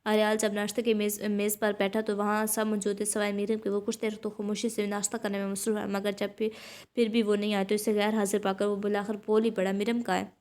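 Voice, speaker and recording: A woman reads a romance novel aloud, narrating in a monotone. Her pitch stays almost flat and she often stumbles and restarts words. It is plain, unhurried storytelling.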